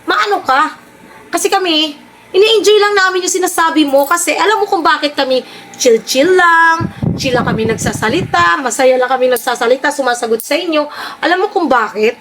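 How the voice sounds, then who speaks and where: High-voiced woman, teasing vlogger. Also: animated, fairly quick, a bit bright, a little hiss or hum. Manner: teasing, sarcastic, laughing. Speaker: vlogger reacting to clips. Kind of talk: mocking reaction commentary.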